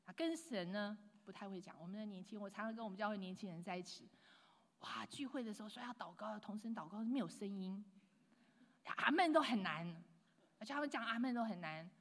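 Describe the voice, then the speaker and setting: A woman preaching a sermon with lively emphasis, dropping to hushed asides and mixing in English phrases. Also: mid-range voice, fairly quick. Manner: swings between loud emphatic lines and hushed asides. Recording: long hall reverb.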